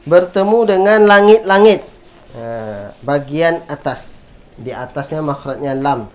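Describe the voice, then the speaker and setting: Slow, patient Indonesian Quran teacher, man. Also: on the high side, expressive. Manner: patient, repeats sounds slowly for students to copy. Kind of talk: tajweed lesson with drilled letter sounds.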